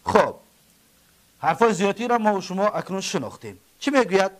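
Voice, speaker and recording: A man with a Tajik accent teaching an Arabic grammar lesson, asking and answering his own questions and repeating word forms slowly. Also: high voice, big pitch swings. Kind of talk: classroom lesson.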